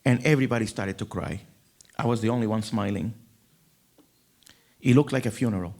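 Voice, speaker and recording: A man's voice: lowish voice, fairly quick, darkish tone. A man giving an inspirational religious talk as a rabbi, telling stories emphatically and acting out the dialogue. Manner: emphatic, dramatic storyteller who acts out dialogue. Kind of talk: inspirational religious storytelling speech.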